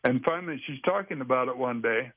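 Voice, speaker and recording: Halting male storyteller on a phone line. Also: mid-range voice, no echo. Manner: rambling, halting storyteller with frequent restarts. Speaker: interview guest. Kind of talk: casual storytelling in an interview. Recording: dry, tinny phone line.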